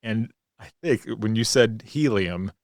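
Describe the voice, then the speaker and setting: A man co-hosting a podcast, telling stories in a relaxed conversational way and acting out the quotes. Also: on the low side, slow, no echo, clean studio sound. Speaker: podcast co-host. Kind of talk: reflective conversational storytelling.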